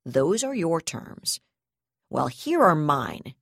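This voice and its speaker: A brutal, cornered gendarme brigadier spits out snarling, profane threats, as a woman reader puts her on. The voice sits low and is heard close and dry, with no room around it. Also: lively intonation, moderate pace, fairly bright tone, no room sound. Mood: defiant, threatening.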